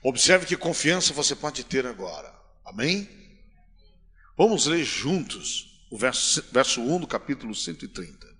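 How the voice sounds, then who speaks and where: A male pastor preaching a sermon, swinging from soft to loud and calling on the congregation. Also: mid-range voice, big pitch swings, moderate pace. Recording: long hall reverb.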